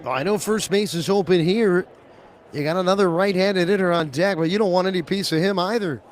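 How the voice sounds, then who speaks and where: Guy doing radio baseball play-by-play, pretty high voice, gets pumped on strikeouts. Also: a little fast, a little hiss or hum. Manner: excited calls on big pitches. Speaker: play-by-play announcer.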